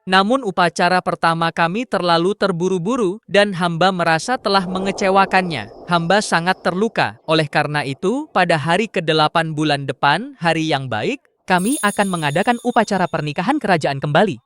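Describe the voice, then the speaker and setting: An actor dubbing a court herald in a historical drama, proclaiming a decree in a formal, ceremonial way. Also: male voice, sits high, fairly quick, few pauses, fairly bright tone. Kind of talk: Indonesian drama dub.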